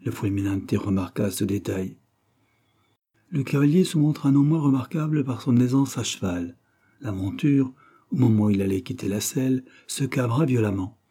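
A man reading an old adventure novel as audiobook narration, measured and steady. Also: medium pitch, husky. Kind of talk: scripted narration.

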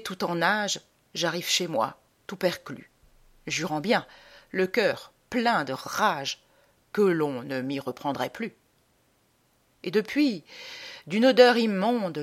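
A woman reciting a comic monologue in a theatrical style, swinging between loud outbursts and hushed drops. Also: on the low side, lively intonation, slow.

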